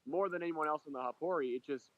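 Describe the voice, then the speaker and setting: A man with a hoarse, sick voice, co-hosting a casual podcast chat and eagerly talking over others. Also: fairly high pitch, fast talker. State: hoarse from illness. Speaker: podcast co-host. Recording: muffled lo-fi mic.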